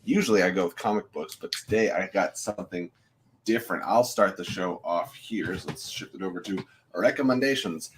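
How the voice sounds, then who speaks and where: A man's voice: deep voice, brisk, a little hiss or hum. A man co-hosting a podcast, talking casually and rambling with lots of filler uhs. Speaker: co-host.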